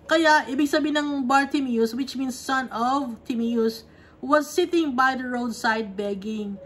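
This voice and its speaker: A woman's voice: high voice, a little slow. A woman leading a conversational Bible study, reading verses and explaining them, often checking in with her listeners. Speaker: Bible teacher.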